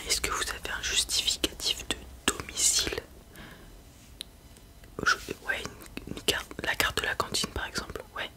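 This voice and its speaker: Whispered role-play of a librarian. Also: bright, forceful tone. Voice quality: breathy, unvoiced whisper. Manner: polite, helpful customer-service patter. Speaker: ASMR performer playing a librarian.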